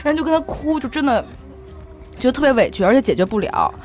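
A woman's voice: high-pitched, fast, soft background music. A young woman, chatting casually on a podcast and telling emotional stories about her mother, often asking "you know?". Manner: emotional, animated storytelling with frequent "you know?". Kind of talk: casual chat.

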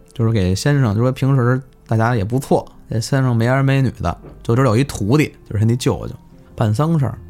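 A man telling village ghost stories in casual chat, animated and swearing in surprise. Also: medium pitch. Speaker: guest storyteller. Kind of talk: casual spooky storytelling.

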